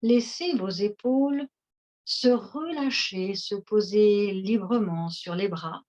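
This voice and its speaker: A woman leading a guided seated relaxation session, speaking in a slow, soothing, instructive way. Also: medium pitch, darkish tone. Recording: dull lo-fi recording.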